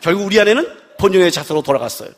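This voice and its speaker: A man's voice: high voice, lively intonation, racing. A middle-aged man preaching an expository sermon at a worship service, telling stories and acting out his wife's replies. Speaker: pastor.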